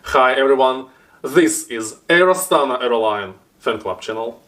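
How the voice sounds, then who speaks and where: A man from Kazakhstan with a strong Russian accent, hosting his own vlog and talking through it with many halting "uh" pauses. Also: mid-range voice, lively intonation, a bit bright. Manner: halting, frequent "uh" pauses between words. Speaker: channel host. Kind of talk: casual vlog narration.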